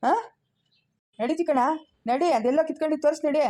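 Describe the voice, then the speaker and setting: A woman's voice: high-pitched, fairly quick, mellow, close to an everyday voice. A woman playing a fiery village man who threatens to break someone's limbs, in a Chikkaballapur Kannada accent. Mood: angry threatening. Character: hot-tempered village man ready to fight.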